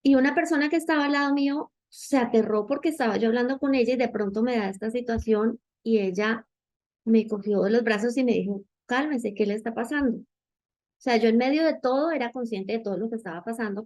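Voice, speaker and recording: A woman's voice: a little high, darkish tone, no echo. A middle-aged woman, giving a hesitant personal testimony as a guest, searching for words with many fillers.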